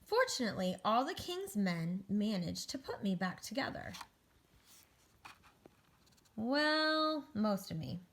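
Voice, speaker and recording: A woman's voice: medium pitch, very animated, slow pace, pauses often, a bit bright, slight background noise, heavily acted. A woman voicing an anxious, wistful egg who narrates its own story earnestly in a children's picture book read-aloud. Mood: rueful, afraid. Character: anxious, wistful egg recovering from a great fall.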